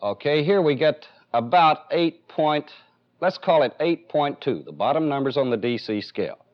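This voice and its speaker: Heard on the muffled, band-limited track of a 1970s training film, an American-accented man demonstrates a technical procedure step by step. His voice is a little high and expressive, moving at a moderate pace, and his manner stays methodical and plainly explanatory.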